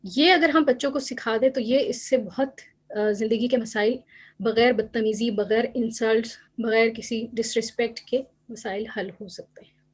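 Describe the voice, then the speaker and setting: A woman's voice: fairly high pitch, steady tone, slightly rough. A woman speaking at an online parenting seminar over a video call, mixing English phrases into her Urdu and acting out parents' remarks. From Pakistan. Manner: acts out parents' remarks in quotes. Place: home or office, online seminar. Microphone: computer mic on a video call.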